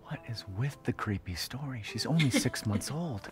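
A man acts out a cautious young father in a video game. He speaks gently and soothingly, with a worried edge, while faint music plays behind him. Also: mid-range voice, lively intonation, normal speed, lightly acted. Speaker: game character.

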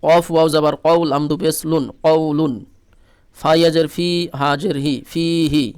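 A man's voice: a little high, flat delivery, moderate pace, a little mellow, clear, resonant tone, no echo, studio quality. Patient Bengali man spelling out syllables. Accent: Bangladeshi Bengali. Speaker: Quran reading teacher. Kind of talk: spelling-drill lesson.

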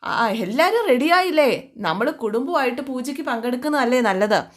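Woman doing a fussy old schoolmaster father in a storytelling retelling; voice pushed high and loud. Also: animated, normal speed. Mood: welcoming. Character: older village schoolmaster, a worried father.

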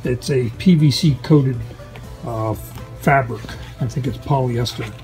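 A middle-aged man talks through his workshop projects in a loose, rambling way, full of "uh"s and restarts. His voice sits at an ordinary mid pitch for a man. Music plays clearly underneath him in the workshop. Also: a little slow, rough recording. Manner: relaxed, rambling with frequent fillers and restarts. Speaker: boat owner vlogger. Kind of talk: casual workshop how-to vlog. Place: home workshop garage, indoors.

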